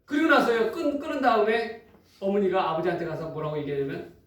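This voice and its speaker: A man preaching a sermon as pastor, telling a story in an animated, emphatic way, in a church. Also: high voice, fast talker. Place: church sanctuary. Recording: echoey hall, distant mic.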